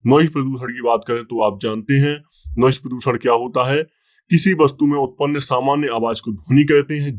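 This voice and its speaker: A male teacher giving an exam-prep lecture, explaining step by step and often repeating key points and checking in with students. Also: mid-range voice.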